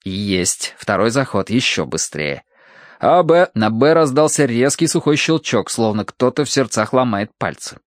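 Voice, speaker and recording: A man narrating an audiobook in the first person with expressive, lively storytelling. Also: lowish voice, moderate pace, hardly any pauses, dry recording, clean studio sound.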